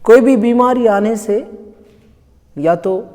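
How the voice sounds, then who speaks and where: A man's voice: extremely high pitch, takes it slowly, warm tone. A male pastor giving a casual, conversational sermon that keeps asking the congregation questions. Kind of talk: Hindi sermon. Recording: long hall reverb.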